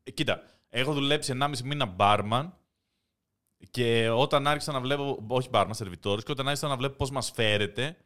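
A young man in casual podcast chat, an animated storyteller who laughs often. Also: mid-range voice. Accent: Greek. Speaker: podcast co-host.

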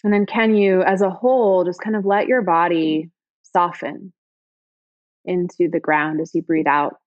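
A woman leading a guided body-scan meditation in slow, soft, soothing phrases. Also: lowish voice, steady tone, no echo, muffled recording.

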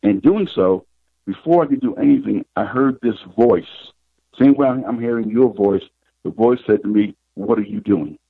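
A middle-aged man, a psychic guest, telling his life story in an interview in an unhurried, reflective way. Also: mid-range voice, husky, no echo. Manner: unhurried, reflective, retells scenes with quoted dialogue. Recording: tinny phone line.

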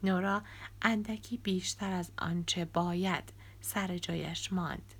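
Soft-spoken woman narrating an audiobook. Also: fairly low pitch, fairly even intonation. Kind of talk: scripted narration.

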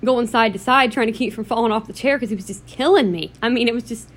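A woman with a fairly high voice co-hosts a casual podcast about video games. She tells her stories in a chatty, emphatic way and leans hard on her punchlines. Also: fast. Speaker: podcast co-host. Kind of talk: casual gaming chat.

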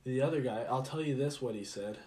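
A young man telling an absurd story in a deadpan, halting way, with many restarts. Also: mid-range voice.

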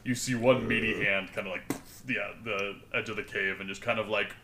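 A man's voice: on the low side, steady tone, brisk, noisy background. A man narrating as game master, rambling with lots of ums and likes. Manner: rambling, many fillers.

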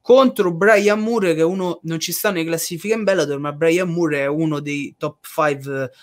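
Roman guy, bit high pitched, chatting about fights, blunt n sweary, kinda indignant. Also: moderate pace. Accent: Roman Italian. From Italy. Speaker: professional MMA fighter, guest. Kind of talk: casual chat about fights.

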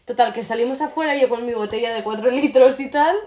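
A woman's voice: a little high, fast. A woman, chatting casually as a podcast co-host and acting out quotes as she tells stories. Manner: animated storytelling with acted-out quotes. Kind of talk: casual chat among coworkers. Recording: echoey room.

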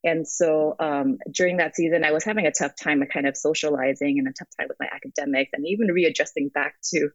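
A woman's voice: low voice, steady tone, a little fast, hardly any pauses, dry recording. A young woman with an American accent, speaking reflectively in a remote interview, with many ums and restarts. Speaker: guest. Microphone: phone app call. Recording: dry, dull call audio.

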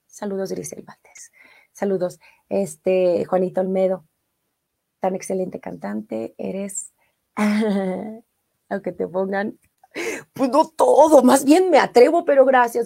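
A middle-aged woman with a Mexican accent, a singer chatting casually on a live stream, reading viewer comments warmly and effusively. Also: medium pitch, takes it slowly, gravelly.

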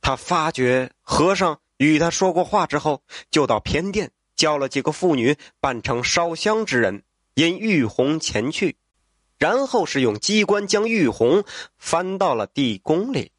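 A man telling a folk tale as a storyteller, with lively asides to the listener and voiced dialogue. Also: on the high side, unhurried, no echo, clean studio sound.

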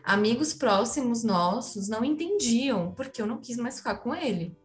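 A woman's voice: fairly high pitch, expressive, normal speed, faint music behind. A woman in her twenties with a Brazilian Portuguese accent, an interview guest telling a personal story in a candid, chatty way, full of fillers and asides to the listeners.

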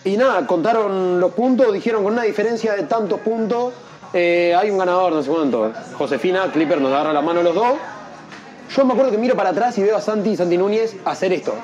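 Fast-talking young Uruguayan man. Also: lo-fi sound, faint music behind. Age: young adult. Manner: animated, acts out quoted voices in a higher pitch. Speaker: guest, freestyle rapper. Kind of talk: casual storytelling interview.

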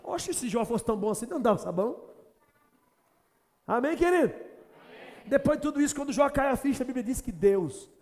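A male pastor preaching fervently, rising to shouts and firing rhetorical questions at the congregation. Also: very high-pitched, lively intonation, a little fast, pauses often, long reverb tail. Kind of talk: sermon.

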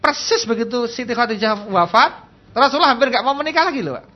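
A man's voice: extremely high pitch, quick pace, highs cut off. A man with a Javanese accent, a religious teacher giving a humorous talk on radio, telling stories and joking with listeners. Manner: lively storyteller, acts out quotes, jokes with the audience.

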